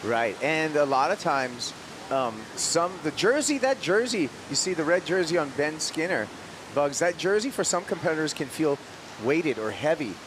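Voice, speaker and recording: A man commentating live on a surf contest in a laid-back, measured announcer manner. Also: fairly high pitch. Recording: steady hiss and outdoor rushing noise.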